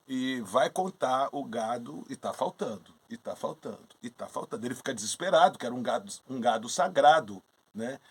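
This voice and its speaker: A man's voice: mid-range voice, moderate pace, hardly any pauses, breathy edge. A man in casual conversation retelling an old myth, acting out the characters' lines as he goes. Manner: animated, acts out characters' lines in the story. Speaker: astrologer co-host. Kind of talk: casual storytelling chat.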